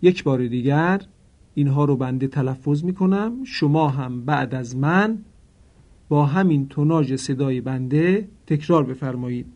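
A man's voice: on the high side, darkish tone, muffled recording. Formal man teaching Arabic pronunciation. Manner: formal and polite, drawing out Arabic example words slowly for repetition. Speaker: Quran recitation teacher. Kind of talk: pronunciation lesson.

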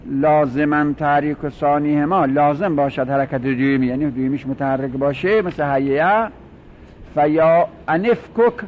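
Male teacher, grammar class, explains and quizzes students, faint noise behind. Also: on the high side. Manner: explaining and repeating terms, asking students questions. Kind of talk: Arabic grammar lesson. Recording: dull lo-fi recording.

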